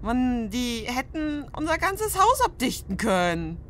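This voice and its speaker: A woman's voice: fairly high pitch, very animated, measured pace, a little hiss or hum. A woman voicing a brash, tipsy pony princess in a fan audio drama, slurring, drawling and argumentative. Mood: tipsy, defiant.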